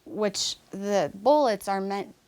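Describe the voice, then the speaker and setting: A woman guest in a podcast interview telling a personal story in an earnest, measured way, with fillers and many restarts. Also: mid-range voice, darkish tone.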